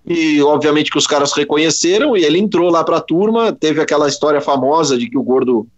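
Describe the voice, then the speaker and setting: A Brazilian sports journalist, a man, telling an animated anecdote in a casual interview, quoting voices along the way. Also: fairly high pitch, fairly quick. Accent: Brazilian Portuguese. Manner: animated anecdote with quoted voices, many restarts. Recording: slightly dull lo-fi audio.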